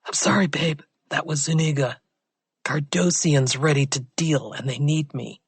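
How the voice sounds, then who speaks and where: Audiobook thriller: woman voicing a gruff, wry male cop, low and quiet. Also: measured pace, slight background noise. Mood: dry, smug. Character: gruff male detective, dry and smug.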